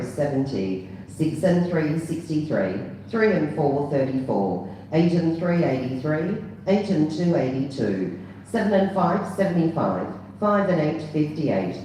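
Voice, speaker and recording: A woman working as a bingo caller, announcing numbers digit by digit in a measured, formulaic rhythm with falling endings. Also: low-pitched, warm tone. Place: large echoing bingo hall. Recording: echoey hall, distant PA sound, faint noise.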